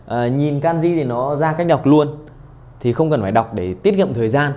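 A man's voice: medium pitch, lively intonation, normal speed, a little mellow. A young man teaching a Japanese exam-prep lesson online. He keeps checking in with his students and mixes Japanese phrases into his talk.

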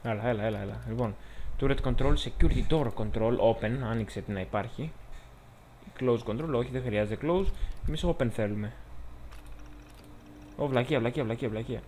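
His voice is mid-range with a dark tone, and slight background noise can be heard. The man has a Greek accent and provides chatty, joking let's-play commentary, speaking to the game's characters as he plays.

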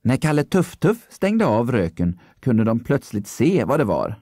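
A man narrating a children's story, expressive and storytelling. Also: mid-range voice, slightly rough, dry recording, clean studio sound.

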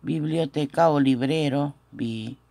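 A woman teaching a language lesson, who repeats each word slowly and corrects her own pronunciation, recorded on a phone. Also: sits low, gravelly, dark tone, no room sound. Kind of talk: slow, careful language lesson. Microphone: phone camera.

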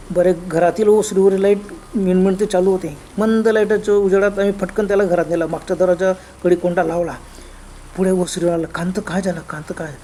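A man narrating a first-person horror story in a dramatic, halting way, with gasped exclamations. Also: high voice, warm tone, a little hiss or hum.

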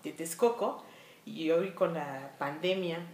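A woman with a Mexico City accent talks through her work in a relaxed interview, lively and quick to fall back on fillers. Her voice sits a little low for a woman. The small room rings with a roomy echo. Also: slight background noise. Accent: Mexico City Spanish. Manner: lively storytelling with frequent fillers. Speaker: funeral director and embalmer. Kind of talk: casual interview.

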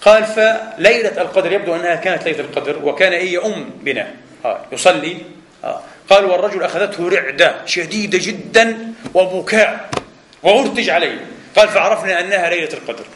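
A man with a Palestinian Arabic accent delivers a sermon-style lecture. His voice sits high, and he talks fast and animatedly, firing off rhetorical questions. The sound rings in a reverberant hall. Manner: animated, asks rhetorical questions and answers them. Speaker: preacher. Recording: echoey hall.

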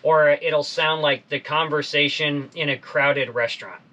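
A man in his forties hosting a casual interview in a small boat cabin, talking in a relaxed, laid-back way. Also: a little high, unhurried, highs cut off. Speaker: podcast host.

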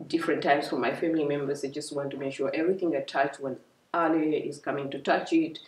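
Low-voiced young mother in echoey room. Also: fairly even intonation, fast talker. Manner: chatty, explains step by step with fillers. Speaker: vlogger and working mother. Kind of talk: casual vlog talk to camera. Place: home, indoors. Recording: echoey room, mic at a distance.

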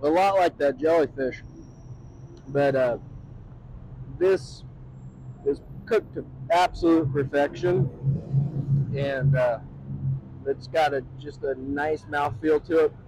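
Outdoors on a city street at night, a middle-aged man hosts a food vlog, offering casual, enthusiastic, plain-spoken commentary. His voice is fairly high with a darkish tone, and he goes slowly with long pauses, in a rough recording with clear street noise and passing vehicles.

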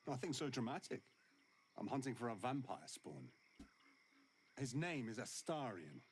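A wry wandering monster hunter. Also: male voice, medium pitch, sing-song, measured pace, slight background noise. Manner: dry, sardonic storyteller. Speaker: game character. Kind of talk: video game voice acting.

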